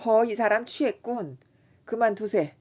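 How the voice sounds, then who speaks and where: A woman's voice: on the high side, a little slow, mellow, voice pushed up. A woman voicing a wary, scolding middle-aged male drinking companion in an audiobook. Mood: skeptical. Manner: scolding, skeptical.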